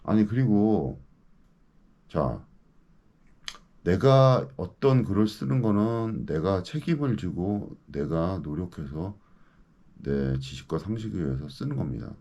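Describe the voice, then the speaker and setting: A man in his fifties rants with mounting indignation, his pitch leaping and dropping in lively swings. His voice sits low and dark. Again and again he demands answers from the people he is addressing. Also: takes it slowly, pauses often, dull audio. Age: 50s. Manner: indignant, ranting, keeps demanding "예?". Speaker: local news commentator. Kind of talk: ranting monologue to camera.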